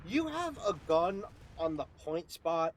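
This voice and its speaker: A man co-casting a live video game match in a casual, excitable and opinionated way. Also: fairly high pitch, unhurried. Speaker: esports co-caster.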